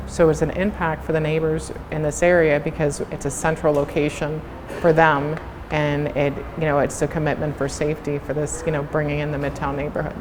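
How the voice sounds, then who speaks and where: A woman's voice: low-pitched, level tone, fairly quick. A woman speaking as a police official in an on-location news interview. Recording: clearly noisy event location.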